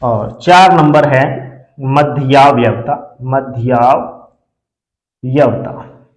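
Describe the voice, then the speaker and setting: A man teaching a chemistry class, who asks questions and answers them himself and repeats key terms slowly so students can write them down. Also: mid-range voice, reverberant, rough recording. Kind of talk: classroom lecture.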